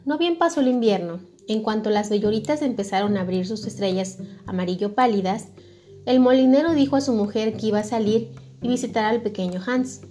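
A woman narrating a storybook in a calm, measured way. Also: medium pitch.

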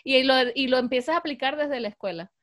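A woman in her thirties with a fairly high voice, chatting casually as a co-host. She tells lively anecdotes, slips into acted voices for the people in her stories and mixes in English words. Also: fast talker. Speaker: podcast co-host. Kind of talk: casual chat.

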